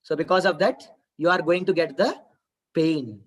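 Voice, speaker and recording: A man's voice: on the high side, moderate pace, distant mic. A man with an Indian English accent teaching a Gita class to children online, explaining patiently and having them repeat verses.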